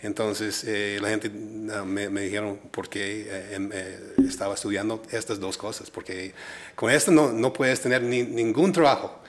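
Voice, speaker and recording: As an interview guest, a middle-aged entrepreneur from Minnesota answers in Spanish, not his first language, with an American English accent, plenty of fillers and hesitation. His voice is lowish and steady at a moderate pace.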